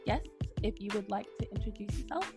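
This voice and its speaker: A young woman from Zimbabwe hosting a casual podcast interview, upbeat and quick to laugh. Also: medium pitch, expressive, over music. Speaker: podcast host.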